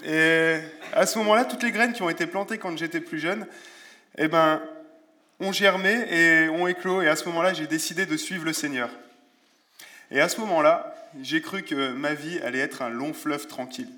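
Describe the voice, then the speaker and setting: A man's voice: a little high, moderate pace, bright, forceful tone. French man preaching a casual sermon. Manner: conversational, self-deprecating humor; reads Bible verses aloud. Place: church.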